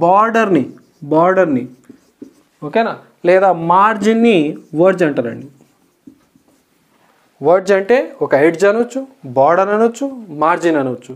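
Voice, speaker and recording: A woman with a Telugu accent, a teacher who explains English words slowly, spells them out letter by letter and keeps checking that the class follows. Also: medium pitch, darkish tone. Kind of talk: recorded vocabulary lesson.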